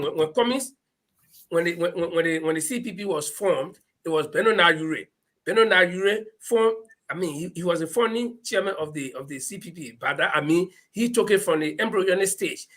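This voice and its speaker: A man with a Liberian accent hosting an animated live political discussion, speaking emphatically and repeating his phrases. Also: high voice. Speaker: panel host.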